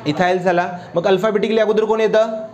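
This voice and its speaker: A male chemistry teacher lectures his class in a high-pitched, darkish voice with fairly even intonation. He keeps firing quick questions at students and urging them to answer aloud.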